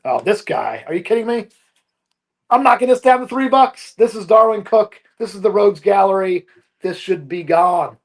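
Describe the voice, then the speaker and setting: High-pitched man pitching comics. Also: animated. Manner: upbeat, brisk salesman patter. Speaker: comic book seller on a live auction. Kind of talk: live sales pitch.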